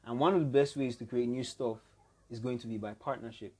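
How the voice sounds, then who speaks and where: Guy guesting on a podcast, punchy and emphatic, keeps going "you get me?", middle pitch. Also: steady tone, a little fast, dark tone, breathy edge. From Nigeria. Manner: emphatic, keeps checking the listener follows. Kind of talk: casual podcast discussion.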